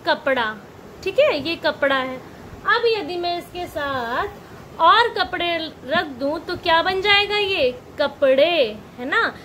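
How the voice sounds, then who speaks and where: A high-pitched woman teaching young children in an unhurried, patient way. She asks a question, repeats it, and answers it herself. A faint hiss of room noise sits behind her voice. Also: lively intonation, sharp tone. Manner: patient, repetitive questioning, calls pupils beta. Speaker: primary school teacher. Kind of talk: online grammar lesson for children.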